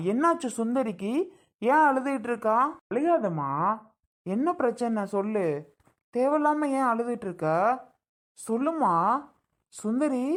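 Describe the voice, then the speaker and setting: Woman acting as an older brother, fairly high voice, pleading and insistent, family skit. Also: close to an everyday voice. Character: worried older brother questioning his family.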